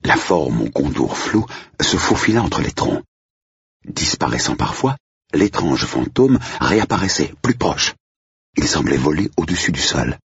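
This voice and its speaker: A man reading a story aloud in a steady, measured way, with a slightly dull recording. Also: very deep voice, creaky, husky, dry recording. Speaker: narrator. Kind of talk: scripted narration.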